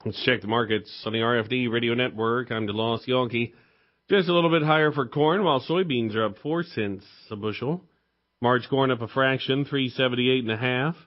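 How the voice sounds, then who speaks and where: A male radio market reporter with a medium-pitched voice reads out prices like stock quotes. His delivery is clipped and list-like, figure after figure. The sound is slightly dull. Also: normal speed.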